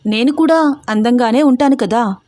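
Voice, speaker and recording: Cheeky granddaughter voiced by a woman: playful, teasing, relaxed. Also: fairly high pitch, normal speed, dry recording, studio quality, voice pushed up, close to an everyday voice. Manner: playful mock complaining.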